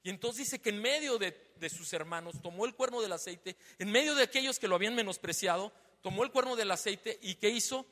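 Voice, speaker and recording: Casting: male preacher, high and bright, chatty sermon full of tag questions, miked in a church hall with a long reverb tail. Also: fairly quick, few pauses. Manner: conversational, asks the congregation many tag questions; loud and emphatic, then lowers his voice after being told he is shouting. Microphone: handheld or stand microphone.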